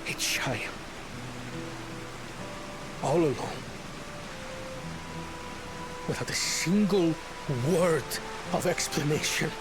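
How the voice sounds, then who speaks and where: For a video game, an actor voices a young catfolk prince who is an earnest, hot-tempered, protective brother. His slightly high male voice is formal, measured and dramatic over music, carrying a sorrowful, wistful mood.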